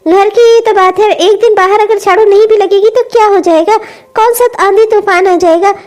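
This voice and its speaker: A woman's voice: extremely high pitch, fairly even intonation, moderate pace, darkish tone. A woman voicing a lazy, cheeky younger daughter-in-law in a cartoon comedy, answering back dismissively. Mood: defiant.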